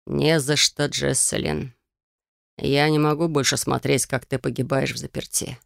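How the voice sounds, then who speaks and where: Reader plays a calm, wary male mentor-mage, low gravelly tone, dry close sound. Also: normal speed, no room sound. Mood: gentle. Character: kind male magister mentor, gentle and wary.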